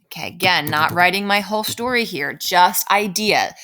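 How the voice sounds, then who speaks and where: With a lowish, bright, forceful voice at normal speed, this elementary writing teacher walks through an informal lesson step by step. She thinks out loud and keeps checking in with "right?" over a little hiss or hum.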